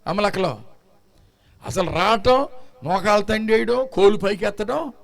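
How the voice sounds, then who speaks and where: High-voiced man preaching, mocking and scolding. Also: a little slow, gravelly. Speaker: pastor. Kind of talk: sermon.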